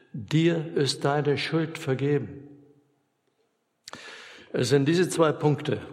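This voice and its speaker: A man preaches slowly and earnestly, weighing each phrase and leaving long pauses. His voice is gravelly and sits at a middle pitch. The church hall gives every word a long reverb tail. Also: a little mellow. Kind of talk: sermon.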